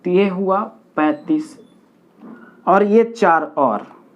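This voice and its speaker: Speaking very slowly in a voice that sits high, a man stands at a board teaching grammar. He counts aloud through each step and restates key points for his pupils. The audio is dull and lo-fi.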